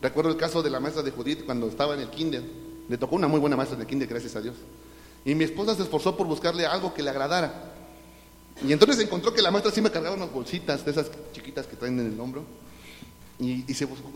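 Mexican pastor preaching in echoey hall. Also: male voice, fairly high pitch, expressive, fast talker, slight background noise. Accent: Mexican Spanish. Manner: swings from loud preaching to hushed asides. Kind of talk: sermon. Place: large church hall.

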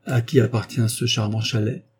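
A man's voice: fairly low pitch, level tone, moderate pace, darkish tone, husky. A man voicing a jovial, persuasive doctor in an audiobook, coaxing and breezy. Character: smooth scheming male doctor, jovial and persuasive.

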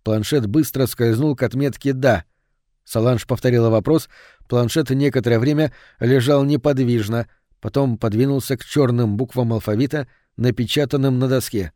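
A man reading a novel aloud as narrator in a steady, measured way. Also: medium pitch, no echo, clean studio sound. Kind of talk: audiobook reading.

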